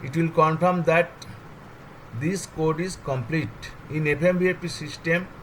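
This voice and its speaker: An older man with an Indian English accent gives a technical explanation at a very slow, unhurried pace. His voice sits a little high for a man, and he works haltingly through lists, one item at a time. A faint hum of noise runs underneath. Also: fairly even intonation, rough recording. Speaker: railway electrical engineer.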